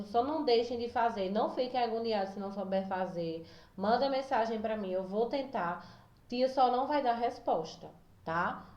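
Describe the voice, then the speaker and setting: A young Brazilian woman teaching small children over video, her voice sitting a little high. She explains slowly and patiently, checking often that the kids follow. It sounds recorded in an echoey room, slightly dull. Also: darkish tone. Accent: Brazilian Portuguese. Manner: patient, slow, repeats key points with "tá?" and "certo?". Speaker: primary school teacher.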